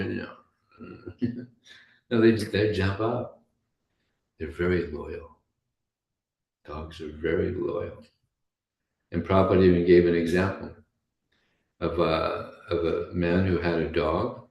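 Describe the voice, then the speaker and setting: Slow, deep, gravelly man teaching. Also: roomy sound, highs cut off. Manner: chatty storytelling with frequent soft laughs. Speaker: devotional class speaker. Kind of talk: informal scripture class.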